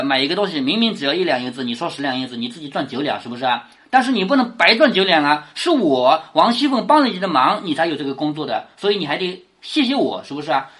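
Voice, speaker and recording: Casual lecture, classic novel explained, middle pitch, very lively intonation, rhetorical check questions dropping low. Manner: animated storyteller, quick to rephrase in everyday words.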